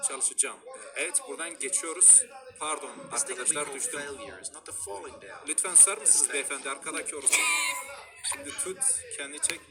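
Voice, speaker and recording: A man with a regional Turkish dialect, commenting as he plays a frustrating climbing game, swearing, yelling and laughing. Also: on the high side, big pitch swings, moderate pace. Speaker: gamer streamer. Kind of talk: gaming commentary. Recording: loud game music behind.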